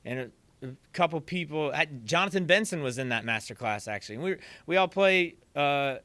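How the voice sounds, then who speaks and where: A man guest on a podcast telling stories in casual talk, animated and acting out quotes. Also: fairly high pitch, brisk, dry recording. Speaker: podcast guest, percussion teacher. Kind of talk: casual interview storytelling.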